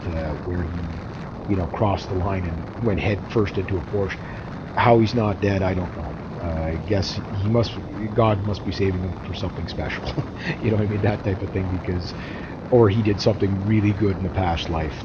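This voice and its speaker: Deep-voiced man rambling inside a motorcycle helmet. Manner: hesitant and rambling, often repeats words. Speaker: motorcycle vlogger. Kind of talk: casual rambling advice talk to viewers. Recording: dull muffled helmet audio, loud engine noise.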